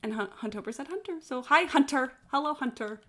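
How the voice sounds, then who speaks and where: Over video game music, a woman streamer with a high, brisk voice chats casually mid-game. Her rambling stories come out blunt and full of swearing, peppered with filler "like"s.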